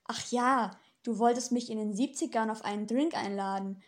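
A well-meaning male angel, earnest and primly friendly, as a woman narrator plays him. His voice rides noticeably high, a touch above the narration. He is an audiobook character. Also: moderate pace, close to an everyday voice.

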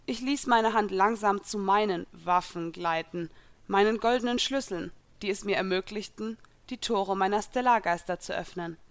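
Woman calmly reading fan fiction. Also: mid-range voice, moderate pace. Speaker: reader. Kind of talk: first-person fan fiction narration.

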